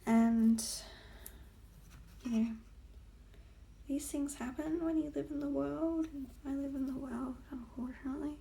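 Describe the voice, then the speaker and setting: A young woman talks through her week in a relaxed, rambling way, full of ums and likes, her voice sitting a touch high. Now and then she slips into a whisper as she works. Faint noise hums under the recording. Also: unhurried, creaky, long pauses. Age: young adult. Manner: rambling, chatty, many fillers, drops to whispers while working. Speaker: planner vlogger. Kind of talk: casual plan-with-me chat.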